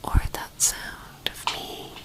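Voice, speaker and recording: A woman speaking in a soft, hushed whisper, gently presenting an ASMR tapping video. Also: takes it slowly.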